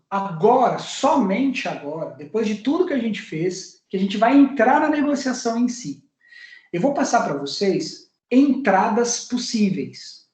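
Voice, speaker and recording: A man's voice: high voice, a little mellow. A man with a Brazilian Portuguese accent giving a university lecture on negotiation, acting out sample phrases as he teaches. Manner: didactic, acts out sample phrases. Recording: roomy echo.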